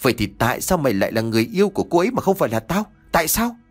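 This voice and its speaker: A furious, unhinged young man rants and shouts accusations in an audio story, voiced by a male narrator. His husky voice leaps wildly up and down in pitch. Soft music hums underneath. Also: very animated, brisk. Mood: raging.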